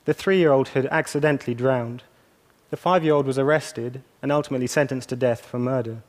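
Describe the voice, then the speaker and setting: A young man from England giving a measured, earnest talk to an audience. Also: medium pitch. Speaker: speaker. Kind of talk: scripted talk.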